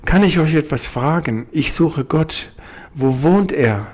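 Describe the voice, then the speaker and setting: A man's voice: a little high, lively intonation, slow pace, a little mellow, pitched above the performer's own voice. A man voicing a curious little bird that eagerly asks questions, in a storybook telling. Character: curious small bird seeking God.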